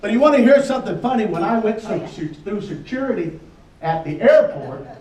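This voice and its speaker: A man's voice: high-pitched, expressive, fairly quick, a little mellow. A man, a folksy, joking presenter casually explaining a challenge to a group and repeating his questions. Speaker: workshop presenter. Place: large echoey indoor room with a group. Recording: echoey room, picked up from a distance.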